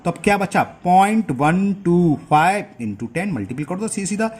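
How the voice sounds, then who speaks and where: A man teaching a maths lesson step by step, often pausing to check that students follow. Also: high-pitched, animated, darkish tone, breathy edge. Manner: explains step by step, checks understanding with rhetorical questions.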